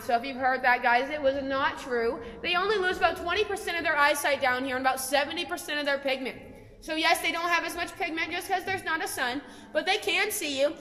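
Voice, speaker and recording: Casting: young female tour guide, chatty and informal, high bright voice, heavy cave echo. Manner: chatty, addresses the group as guys. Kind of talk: casual guided tour talk. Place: inside a large cave, on a boat on an underground lake. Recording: echoing cave with long reverb.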